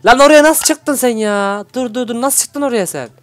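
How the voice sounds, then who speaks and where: A man hosting a Minecraft role-play, excitable, scolding and shouting at his characters between laughs. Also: extremely high pitch, normal speed, very noisy. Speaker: YouTube gaming host.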